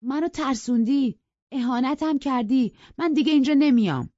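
A woman doing a hurt, reproachful young gentleman. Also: sits high, no echo, muffled recording, voice pushed up. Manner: wounded, reproachful.

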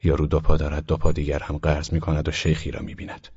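A man reading aloud, voicing a smug, scheming older general who speaks softly and calmly. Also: a bass voice, highs cut off, heavily acted. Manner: soft, smooth, quietly menacing.

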